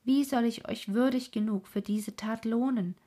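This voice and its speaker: A woman's voice: on the high side, normal speed, mellow, close to an everyday voice. A woman voicing a dignified, generous old king in a whispered role-play of a bedtime fairy tale. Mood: grateful. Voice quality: breathy whisper.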